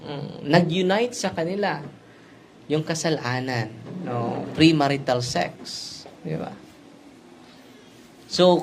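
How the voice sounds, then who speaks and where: A man's voice: sits high, a little hiss or hum. A man, a priest telling a story in a sermon and often ending his sentences with a questioning "no?". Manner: storytelling, with frequent "no?" tag questions.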